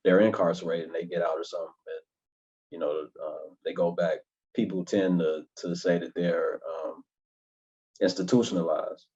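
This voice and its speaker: A man co-hosting a casual interview, speaking hesitantly with many pauses and fillers. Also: sits low, steady tone, a little mellow, breathy edge. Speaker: podcast co-host. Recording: dull lo-fi audio.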